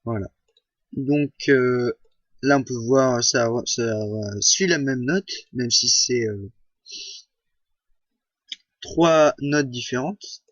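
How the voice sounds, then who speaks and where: A man walks through a software tutorial at a slow, unhurried pace. He hesitates often and corrects himself mid-sentence. The recording is dry and a little dull, made at a home computer. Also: mid-range voice, dry recording. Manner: slow, hesitant, many fillers and self-corrections.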